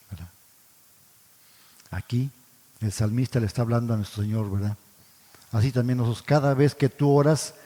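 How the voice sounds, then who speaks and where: Male Bible study teacher, darker mellow tone, rhetorical questions he answers himself, church hall with a long echo. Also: medium pitch. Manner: asks the congregation questions and answers them himself; addresses listeners as brothers, frequent tag questions.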